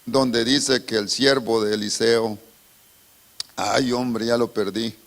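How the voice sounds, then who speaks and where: A male pastor preaching a sermon in church, telling a story with strong emotion and swinging between hushed and raised delivery. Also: mid-range voice, fairly even intonation, slow, gravelly.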